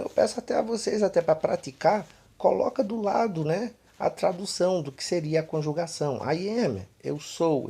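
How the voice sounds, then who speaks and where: A fairly high but dark, husky, creaky voice belongs to a man from Pernambuco giving an English class online. In his Northeastern Brazilian accent, he explains things while repeating "né" and "tá" constantly.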